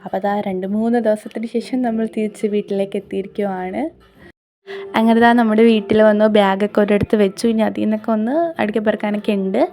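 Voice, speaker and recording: A woman's voice: medium pitch, little pitch movement, quick pace, warm tone. A woman with a Kerala accent narrating a travel vlog in a casual voice-over, mixing English words into Malayalam. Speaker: travel vlogger. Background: music.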